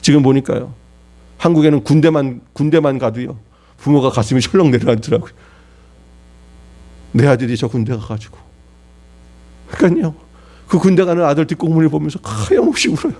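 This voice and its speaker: A man's voice: a little high, a little fast, pauses often, mellow. A male pastor preaching a sermon, acting out pleading prayers and rhetorical questions with dramatic swings.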